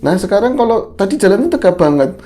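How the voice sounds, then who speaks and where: A man co-hosting a horror podcast, retelling a driver's eerie experience in a casual, animated way. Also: fast, soft background music. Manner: animated retelling, jumps up in pitch for quoted speech. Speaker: podcast co-host telling a story. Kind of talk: casual horror storytelling chat.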